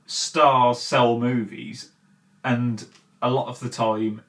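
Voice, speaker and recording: A man hosting a film and game commentary show delivers a casual, conversational, opinionated rant in video-essay style. His medium-pitched, slightly bright voice moves slowly with little pitch movement, yet sounds emphatic and exasperated, with frequent swearing.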